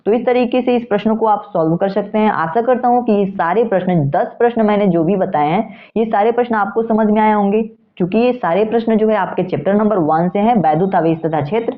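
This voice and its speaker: A male physics teacher with a high voice works through an exam problem step by step, speaking fairly fast with few pauses. He poses questions and answers them himself, repeats steps, and keeps checking in with frequent "theek hai." The audio sounds tinny, like a phone.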